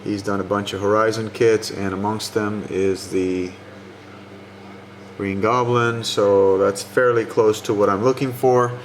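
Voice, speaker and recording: Relaxed, low-voiced man narrating hobby progress. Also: slight background noise. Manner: relaxed, unhurried, pauses with frequent "uh". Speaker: hobby model builder. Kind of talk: casual narration of build progress.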